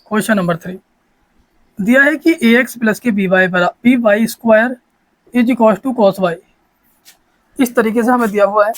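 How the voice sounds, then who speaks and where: A man's voice: high-pitched, moderate pace, pauses often, rough recording. A man teaching a maths lesson, talking in a repetitive, coaxing way and often checking that students follow.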